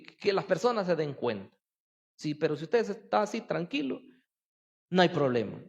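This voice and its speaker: A man pastor preaching a sermon in a church, earnest and often asking his congregation rhetorical questions. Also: high voice. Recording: long hall reverb.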